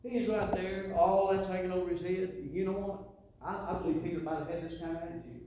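A Southern-accented, middle-aged pastor preaches to a church congregation in a high, steady voice, moving fairly quickly. His delivery is folksy and emphatic, with repeated phrases and calls for response. Captured from the pews in the sanctuary, his handheld mic sounds echoey and distant over the PA, with faint noise.

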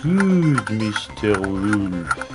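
A greedy hypnotist in an audio drama, speaking very slowly in a lulling, drawn-out way. His pitch rises and falls widely, with clear music playing behind him. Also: sing-song, heavily acted. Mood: hypnotic. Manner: slow, lulling, drawn-out speech. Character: smooth, greedy male hypnotist.

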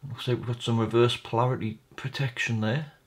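Working at an indoor bench, this repair-video host talks briskly in a medium-pitched, steady voice. His narration of the hands-on job is casual, and he muses aloud tentatively as he goes.

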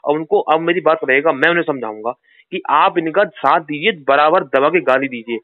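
A man on a phone call, urging and advising a distressed caller in a forceful, repetitive way. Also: on the high side, fairly quick. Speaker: channel host giving advice to a caller. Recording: tinny phone line.

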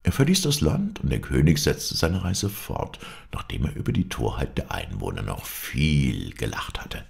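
A man's voice: extremely low pitch, very animated, normal speed, vocal fry, few pauses. A man reading an old tale aloud as storyteller, giving each character a voice. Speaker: audiobook reader.

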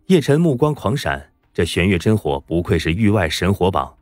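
Brief: male audiobook narrator, very low voice with wide, lively swings, dry close sound, faint music bed. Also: moderate pace, dry recording. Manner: dramatic, emphatic storytelling. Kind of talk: scripted web-novel narration.

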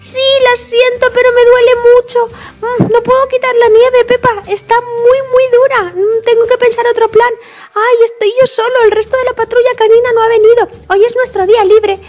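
A chatty young male rescue puppy in a toy play story, as a woman acts him out. He rambles on eagerly in a high voice and keeps coaxing his friend along. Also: flat delivery, moderate pace, darkish tone.

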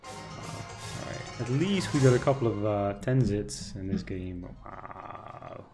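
Over background music, a man with a lower voice and lively intonation streams slot games, taking things slowly. The casino streamer keeps up casual live-stream chat, calling out viewer names and cheering at the slot as he spins.

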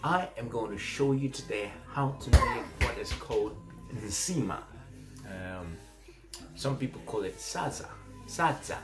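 Over loud music, a cooking channel host in his thirties from Zambia shows a home recipe in a small kitchen, speaking with a Zambian accent. His voice sits on the low side with big pitch swings and a slightly slow pace, chatty and encouraging, laced with fillers and questioning "mm?" tags.

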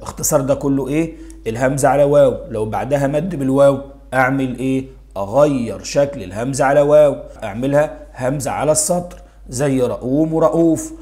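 An Egyptian man teaches a primary school grammar lesson in an ordinary mid-pitched voice. He keeps asking rhetorical questions and answering them himself. He says key words twice for emphasis. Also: mellow. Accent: Egyptian Arabic.

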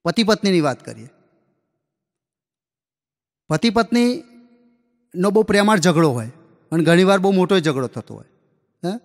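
High-voiced man telling folksy stage jokes. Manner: folksy anecdotal delivery, acts out dialogue. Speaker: stand-up comedian telling school jokes. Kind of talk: live stand-up storytelling. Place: live comedy stage before an audience. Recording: long hall reverb from a live show.

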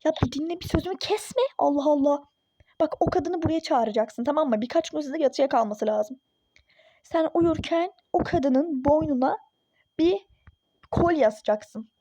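A woman's voice: sits high, normal speed, dark tone, dry recording. A woman voicing a meddling, superstitious young woman friend in a phone-game role-play story, nagging and insistent.

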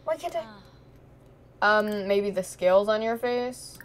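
A young woman who is losing her voice plays a life-sim game, offering casual, giggly Let's Play commentary and talking to the characters. Her mid-range voice is animated yet slow, with a clean tone.

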